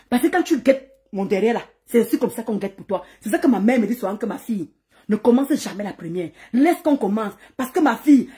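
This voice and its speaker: High-pitched woman, heated live-stream rant, taunting and repetitive. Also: mellow. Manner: insulting, taunting, swings to laughing greetings; repeats words and phrases.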